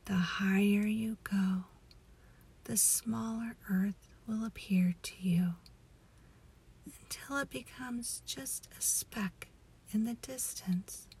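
Slow, very breathy woman guiding a meditation. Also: medium pitch. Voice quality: breathy, often near a whisper. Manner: slow, soothing, hushed delivery. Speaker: guided meditation host. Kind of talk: guided meditation storytelling for relaxation.

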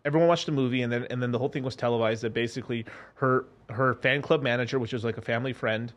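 A young man from a Mexican-American family talking casually as a podcast guest, animated, with frequent restarts and swearing. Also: medium pitch, racing. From Mexican-American family, United States. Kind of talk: casual chat.

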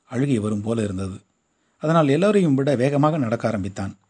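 A man reads a short story aloud, keeping a steady storytelling pace. His voice is dark and mellow with a husky grain. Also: medium pitch, moderate pace. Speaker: narrator.

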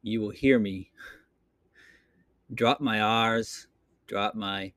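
A man's voice: fairly low pitch, fairly even intonation, drawn-out words, a bit bright, no room sound. A man from Boston with a Boston accent, rambling through an unscripted solo podcast monologue into a computer microphone, with lots of fillers and restarts. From Boston, Massachusetts. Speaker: podcast host. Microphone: talking into a computer microphone.

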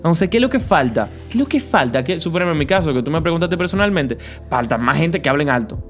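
A man's voice: on the high side, faint music behind. A man, co-hosting a podcast in casual chat and acting out quoted voices as he talks. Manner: fast, animated, acts out quoted voices. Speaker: podcast co-host.

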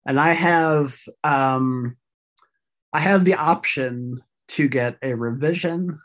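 A woman guest in a casual interview, explaining things thoughtfully, her voice a little rough after vocal surgery. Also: deep voice, slow pace.

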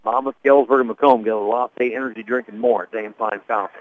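Radio play-by-play man, brisk calls and read-in ads, phone-thin sound with faint hiss. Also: medium pitch, fairly even intonation. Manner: rapid calls with read sponsor spots. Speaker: play-by-play announcer. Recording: tinny phone-like radio broadcast.

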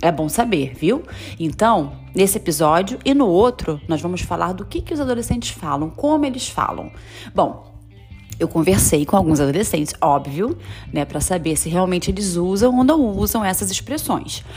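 Woman, podcast teacher, lowish voice, casual chatty delivery, faint music underneath. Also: big pitch swings, normal speed, darkish tone, husky. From Brazil. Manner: chatty, frequent tag questions, drops into English examples. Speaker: podcast host teaching English slang. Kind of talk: casual explanatory lesson. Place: lives in the United States.

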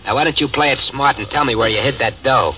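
In a 1940s radio drama, a male actor plays a ruthless, greedy gang boss, speaking with menace and threats. His mid-range voice is quick, bright and forceful, close to how he'd talk normally. The old recording sounds distant, lo-fi and noisy.

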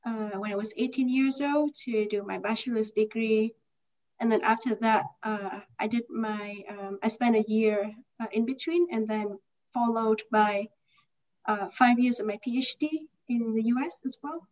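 A Vietnamese woman in her thirties answers as an interview guest in a measured way, pausing with "uh." Her voice is on the higher side, and the audio is dull and lo-fi. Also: darkish tone. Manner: measured, with "uh" pauses. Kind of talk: casual interview. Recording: muffled lo-fi call audio.

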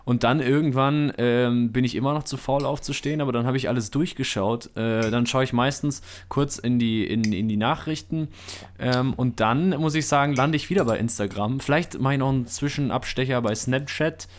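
A man's voice: mid-range voice, normal speed. A young man chatting casually as a podcast co-host, hesitant and full of filler sounds. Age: young adult.

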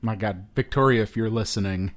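A man co-hosting a podcast, halting and joking in casual chat. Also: lowish voice. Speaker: podcast co-host.

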